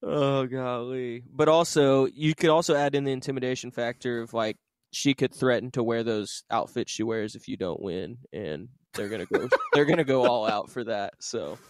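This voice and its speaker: A man's voice: medium pitch, normal speed, hardly any pauses, no echo, studio quality. A man co-hosting a podcast in casual chat, joking and laughing often. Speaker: podcast co-host.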